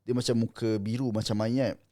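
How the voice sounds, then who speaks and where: A man, co-hosting a casual podcast and telling a ghost story in a relaxed, halting way. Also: medium pitch, no echo, studio quality. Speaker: podcast co-host.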